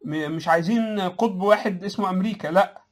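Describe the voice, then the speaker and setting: An Egyptian man talks fast in casual political commentary, his voice sitting high. He mocks the ideas he answers, chuckles at his own points and trips into restarts as he hurries on. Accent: Egyptian Arabic.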